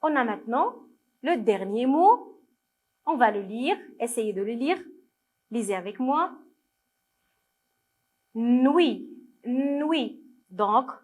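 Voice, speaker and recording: Slow patient Moroccan woman teacher. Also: a little high. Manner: slow, patient, repeats words to her pupils. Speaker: primary school French teacher. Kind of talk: video lesson for young children.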